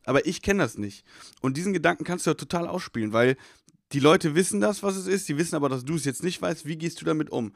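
A man comedian rattling off animated stories about his stage gigs in a casual chat. He talks quickly, and his voice sounds close and dry, with no room sound around it. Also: a little high, creaky, no echo. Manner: rapid, animated anecdote-telling.

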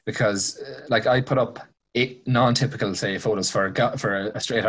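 A man's voice: on the low side, fairly even intonation, fairly quick, a bit bright. A man with a west of Ireland accent chatting casually and giving his opinions in a colloquial, anecdotal way.

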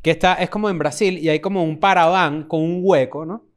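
Man, high pitch, excitable, casual podcast chat. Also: a little fast. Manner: excitable, laughs while describing videos. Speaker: podcast co-host.

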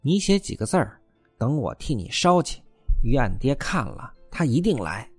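A man's voice: medium pitch, very animated, moderate pace, husky, dry recording, soft background music. A man voicing a clever, tactful young male servant who talks in a coaxing, placating way.

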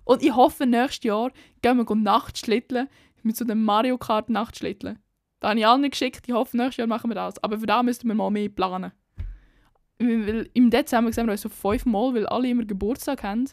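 A woman's voice: a little high, steady tone, a little fast, no room sound, clean studio sound. A young woman with a Swiss German accent, talking in a chatty, slangy, candid way in a casual vlog chat. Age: young adult. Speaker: vlogger.

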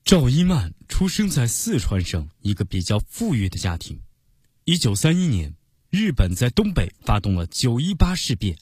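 A man narrating a story for children in an expressive, animated way. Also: mid-range voice, slightly rough, no room sound, studio quality.

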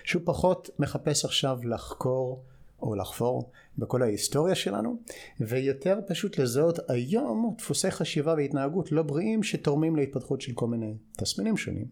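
A man's voice: fairly high pitch, very animated, creaky, darkish tone. A man from the United States with an American accent, explaining things as an expert guest in an interview, in a didactic way with short check-in questions. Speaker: guest clinical psychologist.

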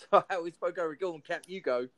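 A man hosting a podcast, chatting in a relaxed, easygoing way. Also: fairly high pitch, normal speed, crowd noise. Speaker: podcast host. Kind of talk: casual chat.

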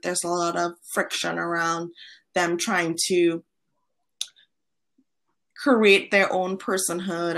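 A young woman from Trinidad and Tobago, a guest on a podcast interview who talks in a friendly, animated way with frequent ums. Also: lowish voice. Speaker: guest, founder of an online platform.

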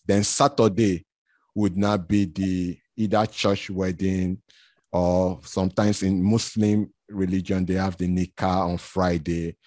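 A man hosting an interview, asking questions in a relaxed, chatty way. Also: low voice, no room sound. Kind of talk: casual conversational interview.

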